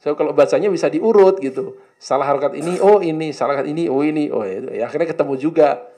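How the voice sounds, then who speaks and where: A man's voice: a little high, fast, warm tone. A man teaching a classroom lesson on an Arabic religious text, translating it line by line and coaxing his students to answer his questions. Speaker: Islamic teacher.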